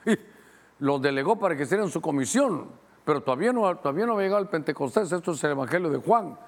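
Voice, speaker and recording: Pastor from Guatemala teaching a sermon. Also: male voice, a little high, animated. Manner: teaching, directing helpers to show verses on screen; slows down to read scripture, speeds up in asides. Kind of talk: sermon with Bible reading.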